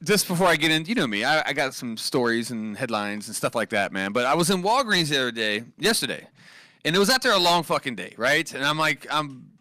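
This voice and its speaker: A man co-hosting a loose live chat show, spinning profane stories with big swings in pitch. His voice is bright and forceful, and it sits on the higher side. The sound is close and dry. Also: brisk, no room sound. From West Virginia. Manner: profane storytelling, animated. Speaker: co-host. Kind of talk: casual chat.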